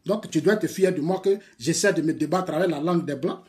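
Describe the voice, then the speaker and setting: Un homme originaire de Côte d'Ivoire, de langue maternelle bété, avec un accent ivoirien, qui sermonne longuement un rival dans une vidéo et répète ses phrases. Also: male voice, on the high side, brisk, darkish tone. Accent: Ivorian French. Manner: lecturing, repetitive, scolding, bursts of laughter. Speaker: political activist replying to a critic. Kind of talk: heated video rant addressed to a rival.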